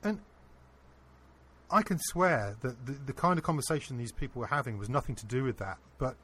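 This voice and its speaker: A man being interviewed, earnestly telling a personal anecdote in a casual, animated way. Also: medium pitch, brisk, breathy edge. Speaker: interview guest. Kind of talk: casual storytelling.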